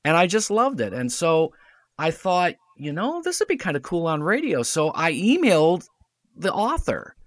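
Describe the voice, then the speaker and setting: With huge pitch swings in a slightly high, fairly bright voice, a middle-aged radio play writer and director chats as a podcast guest at a normal speed. He tells stories casually and loves reenacting conversations as quoted dialogue. There's no echo.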